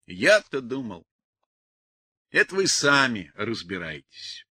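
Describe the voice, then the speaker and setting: A man voicing a stern, gruff militiaman who speaks in clipped commands in an audiobook. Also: medium pitch, big pitch swings, takes it slowly, pushed and bright, dry recording, clean studio sound, full character voice.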